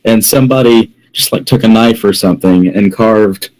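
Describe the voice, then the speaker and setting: A man's voice: on the low side, normal speed, darkish tone, rough recording. Rambling male game master. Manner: rambling, many fillers and restarts. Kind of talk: narrating a tabletop game.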